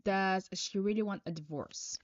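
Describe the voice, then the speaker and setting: A woman from Brazil reads tarot on a live stream, speaking English as a second language with a Brazilian Portuguese accent. She reads aloud viewers' questions and answers in a slow, halting way. Her voice is mid-range, and the highs in the recording are cut off.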